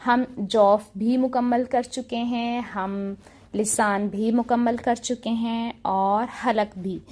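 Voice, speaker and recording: A woman with a somewhat high voice gives a recitation lesson. She explains step by step in a calm, patient way and repeats the main points for her students. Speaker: Quran recitation teacher. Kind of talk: online tajweed lesson.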